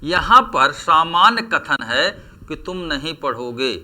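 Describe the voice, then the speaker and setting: A man giving a grammar lesson, speaking very slowly and deliberately. His voice is bright and forceful, sitting a little high for a man. His pitch moves a great deal as he works through examples. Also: very animated. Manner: slow, deliberate explanation with spoken examples. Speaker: Hindi teacher. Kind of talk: classroom lecture on grammar.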